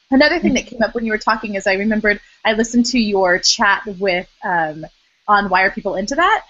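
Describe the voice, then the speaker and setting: A woman hosts a conversational interview, chatting thoughtfully and laughing lightly now and then. Her medium-pitched voice is a bit bright with no room sound, on dry, dull lo-fi audio.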